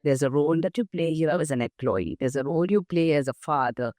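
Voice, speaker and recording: An older woman with an Indian accent, interviewed as a guest. Her voice sits on the low side, and the recording is close and dry. She speaks in a measured, emphatic manner. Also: lively intonation, mellow, dry recording. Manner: measured, emphatic, explains through lists of examples. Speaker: guest, nonprofit founder. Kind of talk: interview conversation.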